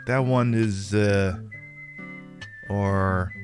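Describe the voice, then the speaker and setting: A man's voice: fairly low pitch, fairly even intonation, drawn-out words, over music. A man hosting a casual game livestream with joking, sarcastic, sweary commentary. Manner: sarcastic, profane. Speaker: game streamer, host.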